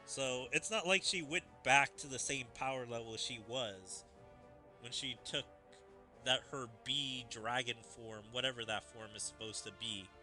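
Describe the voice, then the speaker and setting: Game music plays behind a gaming streamer as he rambles casually about a game's story and reads its dialogue aloud. His medium-pitched voice is bright and forceful, and he takes his time.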